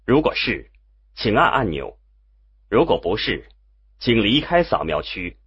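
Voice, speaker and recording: A man reading a calm automated machine voice. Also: fairly low pitch, unhurried, slightly rough, highs cut off, full character voice. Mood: procedural. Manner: flat procedural prompts.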